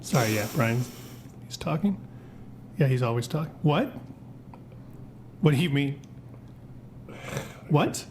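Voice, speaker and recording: A man's voice: animated, slow, long pauses. A man playing a terse, easily rattled brother in an audio drama, with curt, stammering, repetitive casual talk. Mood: agitated. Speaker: co-host character, the host's brother. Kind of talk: audio drama acted as casual podcast chat. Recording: noisy, rumbling background.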